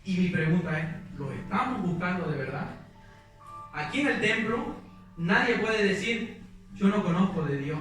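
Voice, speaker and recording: A young man with a fairly high voice preaches in a church, sharing his story earnestly and with feeling. He sounds distant from the mic, and his words ring through a very echoey hall. Soft music plays underneath. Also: lively intonation, a little slow. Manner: earnest, emotional storytelling with quoted prayers. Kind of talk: sermon with personal testimony.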